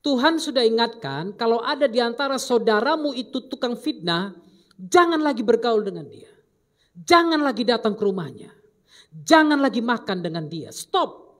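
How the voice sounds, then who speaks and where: A man preaching a sermon as pastor, delivering emphatic commands and then dropping into low asides. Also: sing-song, moderate pace, fairly bright tone.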